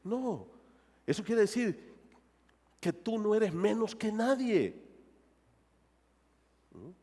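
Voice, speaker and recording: A man's voice: sits high, very animated, takes it slowly, warm tone, in a large hall. A male pastor preaching a sermon in a church and often asking the congregation rhetorical questions. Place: church sanctuary.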